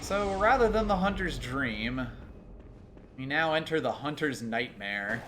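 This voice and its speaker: Lively man explaining a video game. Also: mid-range voice, a little slow, noisy background. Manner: explanatory, dry humor. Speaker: video game let's play co-host. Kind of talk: casual gameplay commentary.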